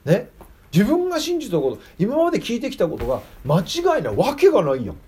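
A man voicing Jesus in a high, urgent, coaxing voice while retelling a scripture scene. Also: huge pitch swings, a little fast, a little mellow, slightly rough, exaggerated voice. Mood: urgent pleading. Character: Jesus, earnest adult man pleading with listeners.

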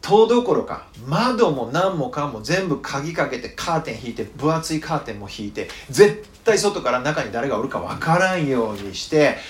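A middle-aged pastor speaking in a western Japanese dialect, telling a story in a sermon, acting out voices and dropping from loud to hushed. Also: male voice, fairly high pitch, very animated, moderate pace, hardly any pauses. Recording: roomy reverberant space.

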